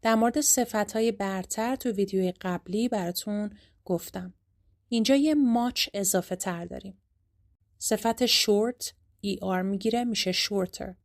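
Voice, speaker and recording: Persian-accented woman teaching English grammar. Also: mid-range voice. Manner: reads English examples slowly and deliberately, explains quickly. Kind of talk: grammar lesson explaining story sentences.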